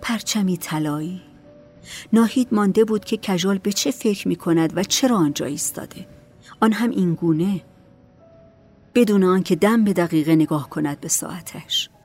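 Woman narrating a story over soft music. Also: lowish voice, breathy edge.

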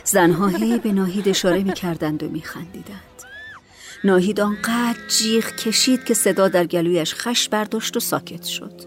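A woman narrating a story in a soft, hushed reading voice. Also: medium pitch. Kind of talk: audiobook narration. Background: faint music.

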